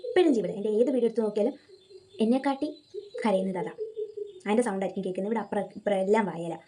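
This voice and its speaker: Hoarse, fast-talking young woman. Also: medium pitch, background noise. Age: young adult. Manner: chatty, talks to herself while doing makeup. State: hoarse from a fever. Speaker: beauty vlogger. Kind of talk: casual get-ready-with-me chat. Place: home by rice fields, crickets outside.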